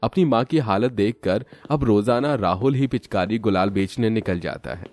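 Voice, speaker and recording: A man narrating a cartoon horror story in an expressive, scripted storytelling style. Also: on the low side, moderate pace, faint music behind.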